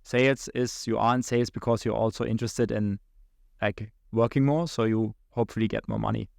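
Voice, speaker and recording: In a podcast interview, the young account executive from Germany describes his career in a lowish, steady, slightly mellow voice with vocal fry and a German accent. Fillers, restarts and laughs between thoughts make his delivery halting; the studio sound is clean, without echo.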